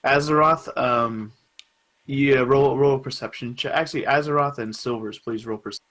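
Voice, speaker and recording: A young man narrating as game master in a casual, halting way with lots of fillers. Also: medium pitch, steady tone, a bit bright, rough recording.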